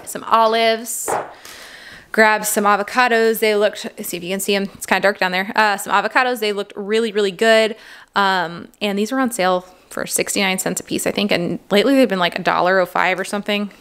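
A woman's voice: mid-range voice, fairly even intonation, a little fast, fairly bright tone, clear, resonant tone. A woman in her thirties, a mother of a large family, chatting casually through a grocery haul at home, with lots of fillers and little laughs. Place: indoors at a home table.

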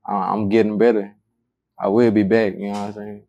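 A man's voice: flat delivery, a little fast, dark tone, muffled recording. A young man, a rapper, answering interview questions in short, mumbled, slangy replies, seated indoors on a lapel mic. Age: young adult. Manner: terse, mumbled, low-key, slangy. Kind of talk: casual interview.

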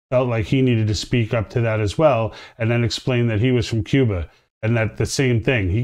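A man's voice: medium pitch, darkish tone. A man in his forties hosting a political commentary show, speaking earnestly and with emphasis to camera from a home studio.

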